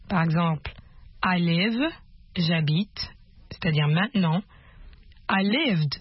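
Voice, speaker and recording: Woman, language course narrator, measured and explanatory, dull lo-fi tape. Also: on the low side, husky, no room sound. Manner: measured, explanatory, models phrases in two languages. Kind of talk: instructional narration.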